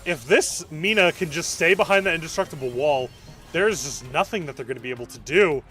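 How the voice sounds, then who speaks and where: Young male streamer casting live: high voice, bouncy delivery, faint music underneath. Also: fairly quick. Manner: excitable, reacts to chat between calls. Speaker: streamer casting an esports match. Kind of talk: live play-by-play commentary.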